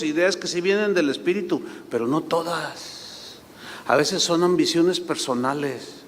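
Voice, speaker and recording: A male pastor delivers his sermon in a fairly high voice. He slips into animated, anecdotal storytelling. His voice rings with a long reverb, as if he is preaching in a large church hall.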